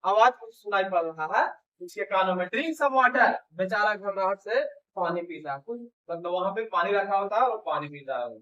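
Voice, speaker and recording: A man teaching an English lesson, reading English lines slowly and loudly, then explaining them in casual Hindi. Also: sits high, expressive, far from the mic, muffled recording.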